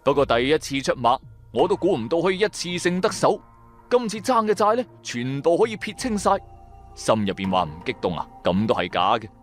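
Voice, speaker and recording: As narrator and lead of a radio drama, a man voices a sly, sardonic trader recounting his own exploits in colloquial terms. He sounds wry and animated, his voice on the high side and pace a little quick, while faint music plays in the background.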